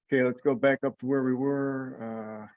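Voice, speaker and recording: Leading an informal discussion on a remote teleconference, a man speaks at normal speed with a medium-pitched, steady voice and no echo. The conference call audio is muffled.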